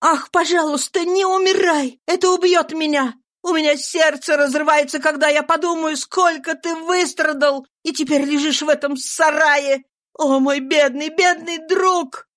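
A woman's voice: high voice, a little slow, hardly any pauses, pitched above the performer's own voice. A woman voicing an earnest young man who pleads passionately in an audiobook reading. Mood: pleading, impassioned. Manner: pleading and impassioned.

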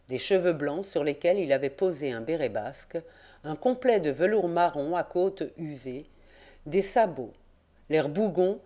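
A woman's voice: low-pitched, mellow. Woman narrating a classic novel. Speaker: audiobook narrator. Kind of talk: scripted literary narration.

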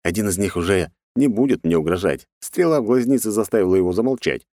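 A man narrating a first-person fantasy audiobook in a sardonic, rough-edged, casually swearing manner. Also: fairly low pitch, expressive, fast, dark tone, no echo, studio quality.

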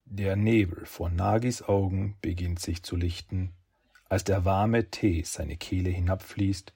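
A man reading an audiobook in measured, calm scripted narration. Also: low-pitched, husky, no echo, studio quality. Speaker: audiobook reader.

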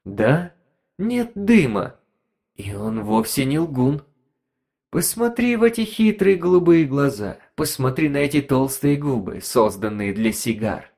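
A man's voice: a little high, expressive, measured pace, vocal fry, a little mellow, voice pushed up, exaggerated voice. A man voicing a sly, insinuating talking device that whispers neighbourhood gossip in a story reading. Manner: insinuating, snickering.

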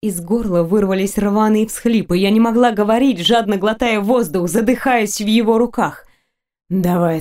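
A woman narrating a first-person romance audiobook, reading softly, intimately and sensually. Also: medium pitch.

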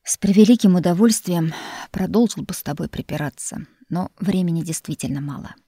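A woman voicing a teasing, self-assured young male lord and teacher, speaking in an unhurried, mocking way. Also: fairly low pitch, mellow, husky, no room sound, clean studio sound.

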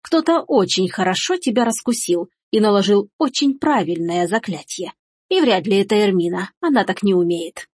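A woman voicing a shrewd, stern old grandmother who speaks in a calm, measured way. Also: medium pitch, husky, no echo, studio quality.

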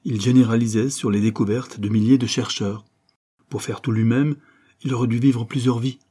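A man reading a novel aloud in a steady, measured narration. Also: medium pitch, slightly rough. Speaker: audiobook narrator. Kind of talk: scripted narration.

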